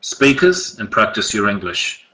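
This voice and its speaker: A man teaching an online English lesson over a video call, relaxed and encouraging, often checking in with "okay?". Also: fairly low pitch, a little slow, rough recording. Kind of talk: online lesson, recapping and giving homework.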